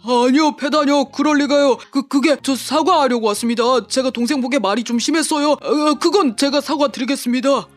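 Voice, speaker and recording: A man's voice: very high-pitched, fairly quick, hardly any pauses, soft background music. A man voicing a petty, hotheaded young male scammer in an audio drama, stammering and swinging between taunting and groveling. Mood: nervous.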